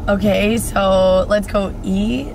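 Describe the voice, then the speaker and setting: A woman's voice: medium pitch, fairly even intonation, slow, creaky. A young woman chatting casually in a parked car, full of filler "like" as she talks. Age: young adult. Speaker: date. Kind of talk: casual chat. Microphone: hidden dashboard camera. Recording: car cabin with street noise.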